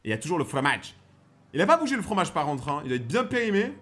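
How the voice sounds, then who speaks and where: A man's voice: fairly high pitch, very animated, fast, fairly bright tone, slight background noise. A young man giving casual, slangy, joking running commentary as he reacts to horror footage. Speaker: reaction video host.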